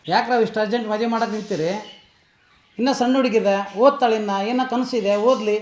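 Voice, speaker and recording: An actor playing a kind village uncle who firmly scolds the family, with a North Karnataka accent. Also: male voice, high voice, lively intonation, quick pace. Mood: scolding. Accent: North Karnataka Kannada. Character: kind village uncle defending his niece.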